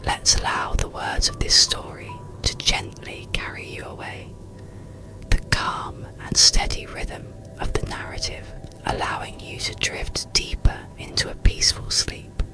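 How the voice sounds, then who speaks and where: A narrator whispers a bedtime story and guided relaxation in a slow, gentle, soothing ASMR style. The audio quality is poor.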